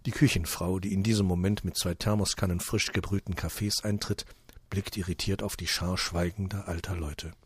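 A man reading a humorous short story aloud in a calm, even storytelling manner. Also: low-pitched, normal speed, slightly rough, no room sound. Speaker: narrator.

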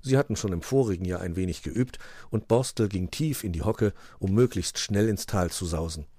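A man's voice: low-pitched, moderate pace, no room sound. A man reading a rhyming children's animal story aloud and giving each creature its own voice. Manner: lively storyteller voicing many animals. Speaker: narrator.

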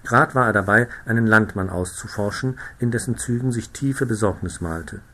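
A man reading a classic story aloud, narrating in a measured, expressive way. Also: on the low side. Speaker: reader. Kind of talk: literary audiobook narration.

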